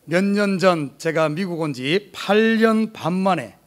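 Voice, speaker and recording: A man's voice: sits high, unhurried. A middle-aged man from South Korea with a Gyeongsang accent, a pastor telling a humorous personal story in a sermon at church. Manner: storytelling with humor, lively and animated. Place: church sanctuary.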